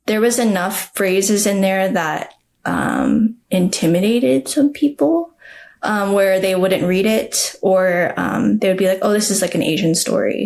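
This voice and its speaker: A young woman talks through her writing choices in a loose, chatty way, full of little fillers and restarts. She sounds reflective and relaxed as a podcast guest. Her voice sits at an ordinary middle pitch. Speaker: children's book author. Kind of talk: podcast interview.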